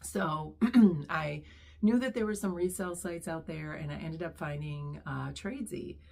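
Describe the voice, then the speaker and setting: A middle-aged woman, hoarse after losing her voice, chatting casually as she introduces her reselling channel with many pauses and ums. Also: sits low, a little mellow. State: hoarse, recovering lost voice. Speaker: online reseller, channel host.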